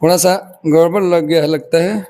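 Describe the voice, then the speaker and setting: High-voiced male grammar teacher. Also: steady tone, moderate pace, mellow. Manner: conversational, checks in with listeners often. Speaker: exam prep teacher. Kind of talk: Hindi grammar lesson. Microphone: microphone.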